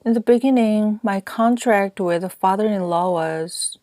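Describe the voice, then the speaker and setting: A woman's voice: mid-range voice, warm tone, no room sound, clean studio sound, voice pushed up, close to an everyday voice. A woman reading an audiobook voicing a flustered, eager young farmhand who pleads in a hurry. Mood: eager pleading. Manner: hurried pleading.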